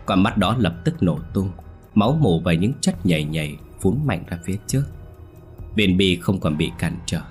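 A man narrating a horror story in a steady, dramatic storytelling voice. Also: low-pitched, moderate pace. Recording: soft music bed.

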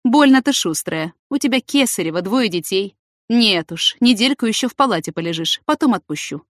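A woman narrator voices a middle-aged man who heads a maternity ward, sounding firm and brisk like a doctor on rounds. She reads him close to her own register without deepening her voice, using natural delivery and lively intonation. The recording is dry and close, with no room sound.

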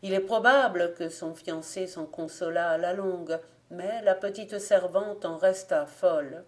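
This is scripted audiobook narration of a folk tale by a female reader. Her low-pitched delivery stays calm, with carefully measured pacing.

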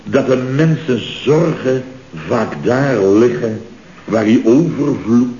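An actor playing a chatty, boastful boss of a construction firm in a 1960s radio comedy, talking in rambling, jovial asides. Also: male voice, medium pitch, takes it slowly, mellow, close to an everyday voice. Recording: dull, roomy old radio recording.

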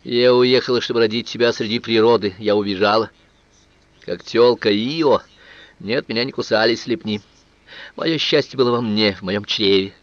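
Tender playful mother in an audiobook , read by a man, lyrical and soft-edged, dull lo-fi recording. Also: lowish voice, normal speed, dry recording, lightly acted. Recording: dull, dry, lo-fi studio recording.

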